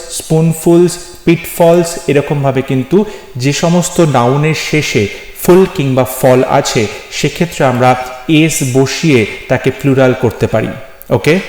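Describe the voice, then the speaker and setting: A man's voice: on the high side, darkish tone. Male teacher in an echoey room. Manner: patient, slows down to spell out example phrases. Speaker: English grammar teacher. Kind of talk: explanatory grammar lesson. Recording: echoey room with long reverb.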